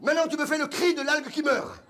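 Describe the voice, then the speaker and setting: A man playing a pushy, excitable male casting director who barks orders at an actor during an audition, in a live one-man comedy show. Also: very high-pitched, fast, some chatter behind, pitched above the performer's own voice. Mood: demanding. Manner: bossy, demanding, impatient.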